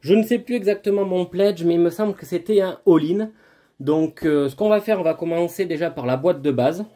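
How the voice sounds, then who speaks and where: Guy doing a board game unboxing, kinda higher voice, mellow, lots of euh's. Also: a little fast. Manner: chatty, many fillers and restarts. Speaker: board game channel host. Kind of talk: casual unboxing talk. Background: lawn mower and brush cutter nearby.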